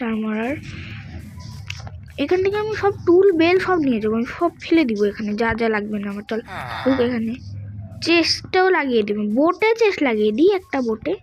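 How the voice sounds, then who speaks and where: A woman's voice: sits high, noisy background. A woman giving casual gameplay commentary, thinking aloud and chatting to the game characters. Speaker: gamer.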